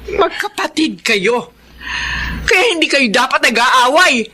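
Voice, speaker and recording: A woman's voice: high voice, expressive, takes it slowly, pushed and bright, breathy edge, exaggerated voice. An actress playing a distressed middle-aged mother scolding her grown children in an exasperated, emotional way in a Filipino radio drama.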